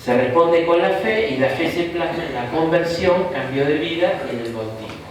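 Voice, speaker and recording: In an echoey room, recorded from a distance with a little hiss or hum, a man speaks in a slightly high, expressive voice at normal speed. He's a bishop with a Rioplatense Argentine accent teaching a Bible course, chatty and jokey, his sentences often capped with a rhetorical "¿no?".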